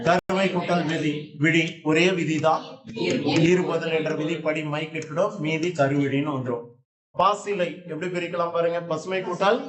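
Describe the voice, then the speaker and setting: A man's voice: high-pitched, echoey room. A man teaching a grammar lesson in a classroom, explaining step by step and putting questions to his students.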